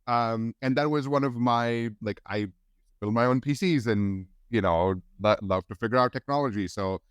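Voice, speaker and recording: A man in his forties, originally from India, talks casually as a podcast guest. His voice is smooth and resonant, sits at a middle pitch, and is recorded close and dry. He tells his story loosely, doubling back and restarting often. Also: normal speed, dry recording. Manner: relaxed storytelling with many restarts and fillers. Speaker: guest film editor.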